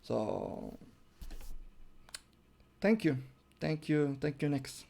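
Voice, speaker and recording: A young man casting a game on his own, hoarse and losing his voice, who bursts into high excited yelps at big plays. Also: extremely slow. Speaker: esports caster. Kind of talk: solo game commentary.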